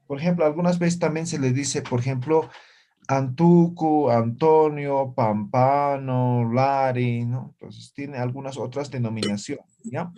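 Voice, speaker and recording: A man teaching an online language class. He repeats each word slowly and keeps checking with the class by asking "¿no?" and "¿ya?". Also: medium pitch, a little mellow.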